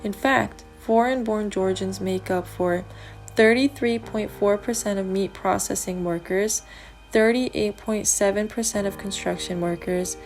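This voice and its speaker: A woman reading scripted advocacy narration, laying out statistics in a measured way. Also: medium pitch, fairly even intonation, darkish tone. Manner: measured, statistic-heavy delivery. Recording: narration over clear music bed. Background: music.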